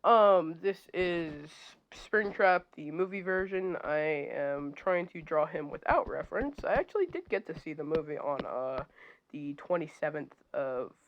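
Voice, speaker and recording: A woman talks casually while drawing, her voice stuffy and nasal from a cold. She rambles and halts, sometimes sinking almost to a whisper, and her pitch sits somewhat low. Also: animated, lo-fi sound. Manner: rambling, halting, drops to near-whispers. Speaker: digital artist.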